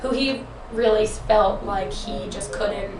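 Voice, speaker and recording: A woman residence coordinator answers interview questions chattily, peppering her speech with "like." Her pitch is medium and she speaks slowly. The recording has roomy echo from a distant mic, with loud music underneath.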